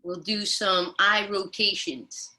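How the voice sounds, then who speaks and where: Soothing and gentle, a yoga and meditation instructor guides mindful movement in a steady, mid-range female voice, leaving unhurried pauses along the way.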